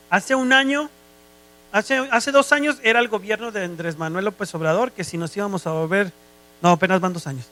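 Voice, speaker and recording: A man's voice: high-pitched, sharp tone. A man with a Mexican accent preaching a sermon as a guest, who often checks whether listeners follow him.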